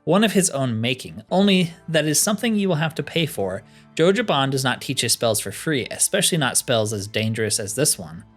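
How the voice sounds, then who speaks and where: A man reads game dialogue as a courteous, scholarly cat-man who trains players in spells, speaking formally and referring to himself in the third person. He sounds pleased and eager, with a medium-pitched voice, big pitch swings, and a brisk pace over soft background music.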